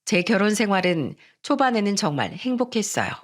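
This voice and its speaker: Woman narrator, scripted radio story, even mid voice. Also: mid-range voice, brisk.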